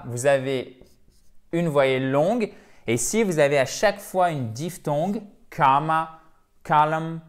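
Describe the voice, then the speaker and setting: A man teaching a video lesson for French speakers, lively and repeating words to drill their pronunciation. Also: mid-range voice. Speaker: English teacher.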